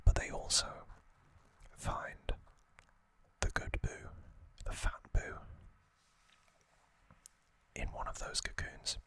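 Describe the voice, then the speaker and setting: The host of an ASMR trivia channel tells his story in a soft, breathy whisper, pausing between each brief, hushed phrase.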